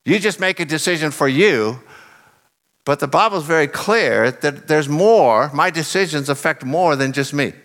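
A middle-aged preacher gives an earnest, animated sermon at normal speed. After singing loudly, his voice has turned a bit husky and lowered, and he hits key phrases hard.

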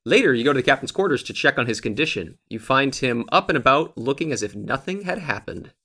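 An animated host reading a gamebook aloud to friends. The voice is mid-pitched and moves a lot as they narrate, with jokes thrown in between the passages. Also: fast talker. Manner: animated and joking.

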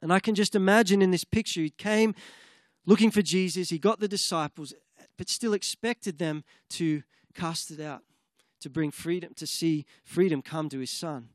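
A man's voice: sits high, normal speed, no echo, clean studio sound. A man preaching a sermon in an earnest way, at times moving into fervent spoken prayer.

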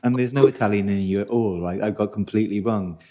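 Playful podcast host. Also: male voice, fairly low pitch, fast talker, mellow. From South Wales. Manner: playful, laughs often, fond of mock accents. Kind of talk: casual podcast chat.

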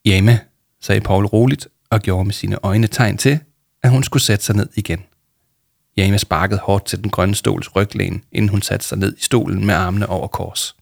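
Low gravelly man reading a storybook. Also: dry recording, clean studio sound. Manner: steady storytelling with small slips. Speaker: reader. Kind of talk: reading a children's book aloud.

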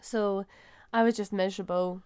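A Scottish woman chats informally as a podcast co-host. Her voice is very clean and smooth, sitting at a medium pitch for a woman. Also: steady tone, normal speed, darkish tone. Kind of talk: casual chat.

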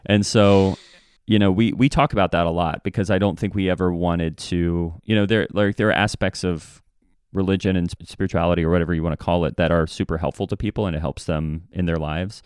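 Fairly quick and fairly even in intonation, a deep-voiced improv comedian speaks as a podcast guest, casual and reflective, often playing out bits of dialogue he remembers. His tone is clean and a little mellow, in studio quality with no room sound.

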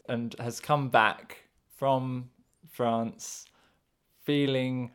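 A man's voice: medium pitch, clean tone. Hesitant, self-correcting man. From England. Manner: halting, hedging, self-correcting. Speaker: podcast co-host. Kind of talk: casual podcast chat.

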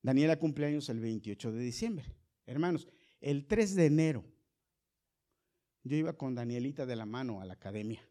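A middle-aged male pastor preaching a sermon, shifting from loud calls to the congregation to soft, low storytelling. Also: expressive, normal speed, long pauses.

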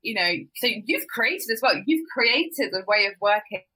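A woman's voice: on the high side, expressive, normal speed, sharp tone, husky, low-quality recording. A woman hosting a podcast and live stream, chatting in a bubbly, gushing way and laughing often. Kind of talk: casual interview chat.

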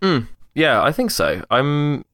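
A man's voice: fairly high pitch, very animated, takes it slowly, a bit bright, no room sound, studio quality. A young man hosting a casual chat, explaining his points with frequent restarts and eager detail. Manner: hesitant, many restarts, enthusiastic about detail. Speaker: podcast host discussing accents.

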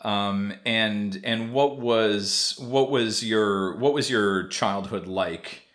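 Speaking slowly in a fairly low voice with a fairly bright tone, a podcast host conducts a casual interview. His questions wander, full of fillers and restarts, and he laughs easily.

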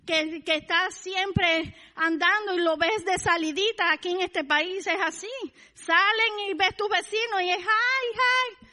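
A fervent Cuban woman delivers a sermon, her voice very high and bright with a strong Cuban Spanish accent. She keeps circling back to a blessing refrain. The sound carries a long church-hall reverb. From Cuba. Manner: fervent, repeats blessing refrain, acts out neighbors. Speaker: preacher.

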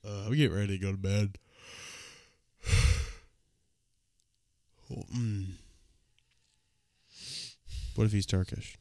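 A man's voice: lowish voice, fairly even intonation, a little slow, dark tone. A man co-hosting a casual late-night podcast, laid-back and jokey. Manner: laid-back, jokey, sings snatches of songs. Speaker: podcast co-host.

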